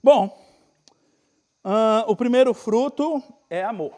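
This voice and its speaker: A man with a notably high voice preaches at a spiritual retreat, speaking with a northeastern Brazilian accent. He talks in an easygoing, conversational way and acts out Bible scenes in plain everyday speech. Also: slow pace, warm tone. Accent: Brazilian Portuguese, northeastern. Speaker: pastor.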